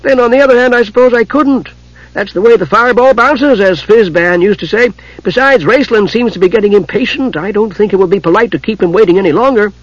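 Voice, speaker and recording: A man's voice: high voice, fast talker, no echo, dull audio, voice pushed up. A man voicing Tas, an eager, chatty male kender who is small and wide-eyed. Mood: excited.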